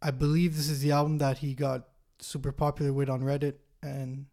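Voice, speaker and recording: A man co-hosting a casual music podcast, talking in a relaxed, informal way. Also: medium pitch, a little fast, vocal fry. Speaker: podcast co-host. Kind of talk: casual chat about albums.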